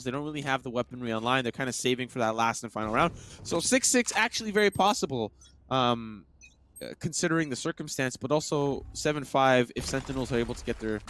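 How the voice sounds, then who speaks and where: A man's voice: on the high side, fairly bright tone, a little hiss or hum. A man giving live esports caster commentary, analyzing the game in a conversational way.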